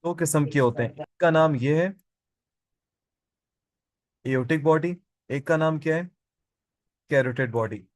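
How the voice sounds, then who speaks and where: A man's voice: fairly high pitch, measured pace, pauses often, no room sound. Man lecturing biology to a class. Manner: asks the class questions and answers them himself, repeats key terms. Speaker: biology teacher.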